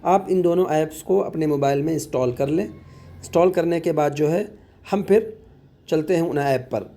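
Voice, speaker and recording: A man's voice: fairly high pitch, normal speed, warm tone. A man working as an online tutor, patiently explaining a phone app step by step in a tutorial voice-over and repeating words as he goes.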